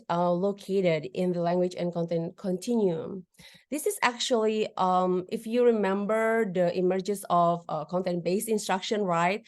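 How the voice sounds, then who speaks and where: A woman lecturer presents a webinar over a video call in a mid-range voice, her Indonesian accent shaped by a regional Indonesian first language. She is lively, with frequent fillers and restarts, and she poses tag questions to the audience.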